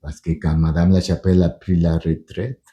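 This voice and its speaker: A middle-aged union leader and pastor, whose first language isn't French, tells his story in French for an earnest documentary interview, restarting hesitantly and repeating words. His low voice stays fairly flat at normal speed, and the recording's highs are cut off.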